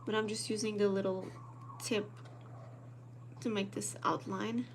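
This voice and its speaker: A young woman with a Portuguese accent chats easily with her viewers while she works on her journal. Her voice is mid-pitched and unhurried. A faint hum of noise sits behind her home recording. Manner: chatty, relaxed, talks to viewers while drawing. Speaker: planner artist and vlogger. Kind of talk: casual live-stream chat while journaling.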